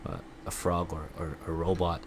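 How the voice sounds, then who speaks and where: A man chatting casually in a video diary about his voice acting classes, rambling and halting, often poking fun at himself. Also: sits low, level tone, noisy background. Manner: self-deprecating. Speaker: voice acting student vlogger.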